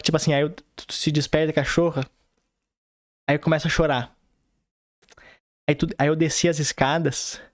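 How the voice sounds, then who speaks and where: A man with a Brazilian accent, talking casually on his podcast in a somewhat high voice. He rambles through a story with lots of fillers and slang, acting out what people said, recorded dry and close. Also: no room sound. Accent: Brazilian Portuguese. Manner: rambling, slangy, full of fillers and quoted dialogue. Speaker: podcast host.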